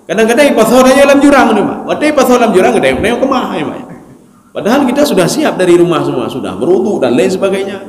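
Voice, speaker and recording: A male preacher giving a study sermon in a mosque, animated and joking, acting out mumbled recitation. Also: sits high, fast. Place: mosque hall. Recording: echoey mosque hall.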